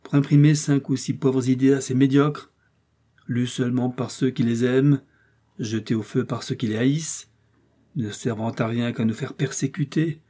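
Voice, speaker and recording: A man's voice: mid-range voice, steady tone, normal speed, dark tone, breathy edge, close to an everyday voice. A man voicing an anguished young husband sent into exile, crying out in regret.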